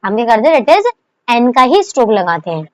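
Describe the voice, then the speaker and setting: A young woman explains shorthand strokes in a lesson, high in pitch and patient. She checks in constantly and poses questions to herself. The sound is dry and close, with no room around it. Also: big pitch swings, fairly quick, a little mellow, dry recording. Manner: patient, repeats "theek hai" and rhetorical questions, mixes English terms into Hindi. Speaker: shorthand teacher. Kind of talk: recorded lesson explaining by demonstration.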